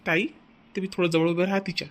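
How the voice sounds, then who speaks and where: A man's voice: high-pitched, flat delivery, quick pace, a bit bright. A man voicing an uncle and doctor in a cartoon who soothes a crying child and gives instructions. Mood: coaxing. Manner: soothing, coaxing, then instructive. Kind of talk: cartoon voice acting.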